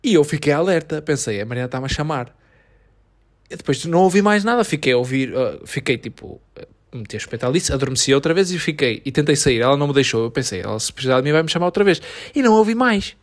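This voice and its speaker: A man with a European Portuguese accent, telling a story in lively casual chat and arguing back. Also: on the high side, fast talker. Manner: animated storytelling, argues back.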